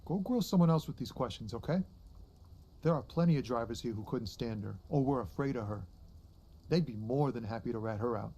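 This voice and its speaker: An actor playing a weary, tender truck driver in a video game, speaking in a reflective, sincere and halting way. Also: male voice, medium pitch, mellow, lightly acted. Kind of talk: dramatic video game dialogue.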